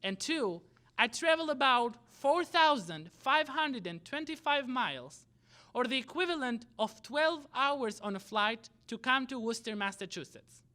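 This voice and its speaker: A prepared graduation speech comes from the student body president, a young man with an Albanian accent. He sounds very high-pitched and sharp, with lively intonation, yet he keeps his phrasing measured and deliberate.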